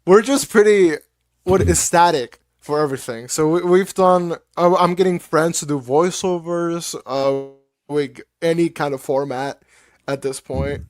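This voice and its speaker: Casting: 19-year-old male co-host, slightly high, dry sound, eager and giggly. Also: measured pace, no echo. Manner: excitable, eager, laughs often. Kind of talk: casual interview chat.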